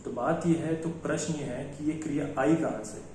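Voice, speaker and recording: A man's voice: a little high, normal speed, a little mellow. A man hosting a college event, giving an earnest stage introduction and posing rhetorical questions. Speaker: event host introducing an act. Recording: very echoey hall, distant mic, faint noise.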